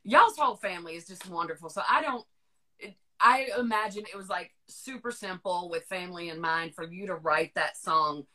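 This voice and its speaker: A woman's voice: lowish voice, normal speed, pushed and bright, rough recording. A Southern woman from North Carolina hosting a podcast, asking questions in a chatty, rambling way. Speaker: podcast host. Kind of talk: casual interview chat.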